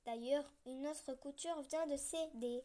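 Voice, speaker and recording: A woman reading a children's story aloud, gentle and playful with snoring sound effects. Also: sits high, a little slow.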